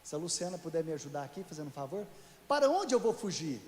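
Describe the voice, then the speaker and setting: Male pastor from Brazil, higher-pitched voice, chatty sermon style with asides to the congregation, echoey church sanctuary. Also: sing-song, fast talker, a little mellow, slight background noise. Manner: conversational, joking with the congregation; addresses listeners as "querido".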